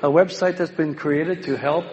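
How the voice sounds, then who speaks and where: A Canadian man telling anecdotes at a home education meeting in a folksy, self-deprecating way, with many pauses and ums. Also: on the high side, fairly even intonation. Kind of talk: informal public talk with anecdotes. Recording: roomy hall with faint background noise.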